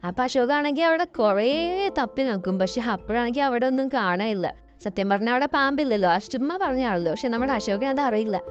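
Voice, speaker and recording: A woman recaps a serial episode in a lively, chatty storytelling style, racing along at a fast pace. Her voice sits a little high, and the sound is dull and lo-fi with faint music underneath.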